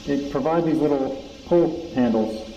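A man speaking through a respirator mask while he fits it, in a plain, relaxed how-to manner. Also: mid-range voice, measured pace, roomy sound, big-room sound, slight background noise, low-quality recording. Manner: relaxed, plain-spoken, many fillers. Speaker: DIY channel host. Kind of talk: casual how-to demo. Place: home garage.

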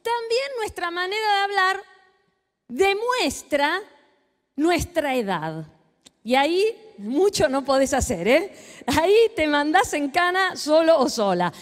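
A middle-aged woman with a Rioplatense Argentine accent, preaching to a live audience in an animated, teasing way. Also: very high-pitched, slow, long reverb tail. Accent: Rioplatense Spanish. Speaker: pastor and speaker. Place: large hall with a live audience.

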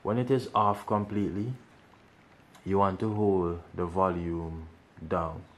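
A man's voice: low-pitched, level tone, measured pace. A man hosting a casual how-to video, explaining each step and repeating instructions as he goes. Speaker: tech tutorial host.

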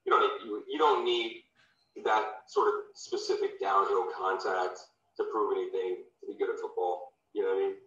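Low-voiced man on a distant, roomy line. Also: fairly even intonation, normal speed, a bit bright. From Louisiana, USA. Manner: loose, rambling, many fillers and restarts. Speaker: guest, former football player turned filmmaker. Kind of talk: casual interview. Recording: distant, roomy, dull remote audio.

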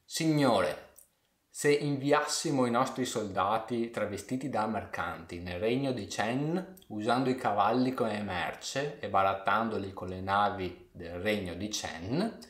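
A man's voice: lowish voice, a little slow, roomy sound, close to an everyday voice. A man voicing a bold, clever army general. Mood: persuasive. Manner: formal, respectful report to a ruler.

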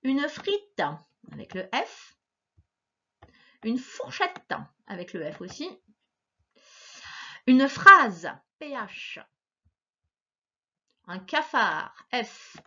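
A woman's voice: a little high, sing-song, very slow, pauses often, bright, forceful tone, muffled recording. A woman teacher giving a recorded phonics lesson to a child, patient and encouraging, stressing each sound.

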